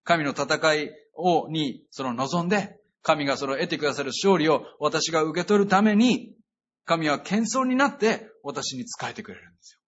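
Guy preaching a sermon, kinda husky, earnest and emphatic, slightly dull lo-fi sound. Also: fairly high pitch, animated, moderate pace, a bit bright. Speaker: pastor.

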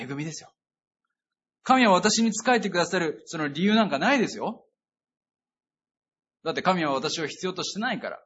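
A man preaching a sermon in an earnest, emphatic way, often pausing on fillers. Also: fairly high pitch, a bit bright, breathy edge, dull audio. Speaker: pastor.

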